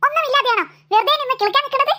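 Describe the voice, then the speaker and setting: A woman's voice: very high-pitched, rapid-fire, bright, forceful tone. A woman voicing a tired, scolding mother of two girls in a cartoon. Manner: nagging, exasperated scolding.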